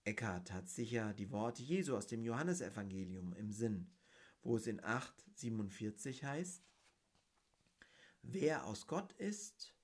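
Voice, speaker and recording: A man giving a reflective spiritual talk on mysticism, speaking in a measured, deliberate way and reading quotations aloud. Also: fairly low pitch, expressive, husky. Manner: measured and deliberate, stressing key words.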